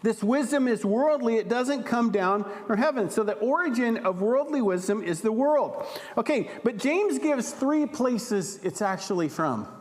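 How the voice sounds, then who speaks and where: A man's voice: very high voice, animated, a little slow. A man preaching a sermon as pastor in a church, teaching in a conversational way and often checking in with the congregation. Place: church sanctuary. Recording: reverberant church hall.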